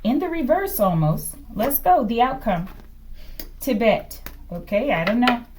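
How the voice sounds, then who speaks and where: With a slightly high, darkish voice that swings widely in pitch, she reads tarot at a measured pace. As host, she improvises, musing to herself in broken fragments and regularly tagging lines with a questioning "okay?".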